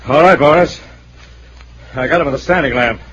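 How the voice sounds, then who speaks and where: A man's voice: a little high, moderate pace, a bit bright, lightly acted. An actor playing a cool, wisecracking American newspaperman hero in an old-time radio drama, breezy and clipped. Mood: breezy, businesslike. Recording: dull, noisy vintage radio recording.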